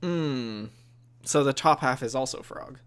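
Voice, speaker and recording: A man's voice: mid-range voice, a little slow, a bit bright, smooth. A man co-hosting a podcast in casual chat, playful and wry, laughing often. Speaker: podcast co-host.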